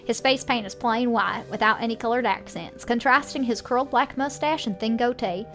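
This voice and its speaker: A woman with a fairly high voice plays through a story game on stream. She narrates the on-screen text and drops in casual reactions of her own, with faint music underneath. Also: normal speed, a bit bright. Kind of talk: video game playthrough, reading text aloud with casual reactions.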